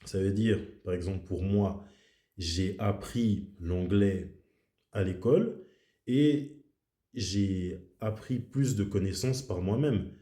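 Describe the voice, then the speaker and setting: Dark-voiced man musing in an echoey room. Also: low voice, slow pace. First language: French. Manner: reflective, repeats himself for emphasis. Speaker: video host. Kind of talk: casual explanatory monologue.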